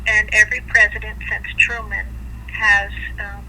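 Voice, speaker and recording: An older American woman speaking on a telephone from prison, giving an earnest statement in halting, deliberate phrases. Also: medium pitch, level tone, sharp tone. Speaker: imprisoned peace activist. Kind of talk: earnest spoken statement over the phone. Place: phone call from prison. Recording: noisy, harsh prison telephone line.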